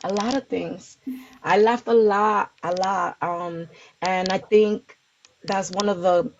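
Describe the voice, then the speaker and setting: With a steady, mid-range voice, she takes it slowly while giving informal, hesitant interview answers and reaching for words. She's a community organizer from the Bronx, New York, heard on dull lo-fi audio with background noise and clicks.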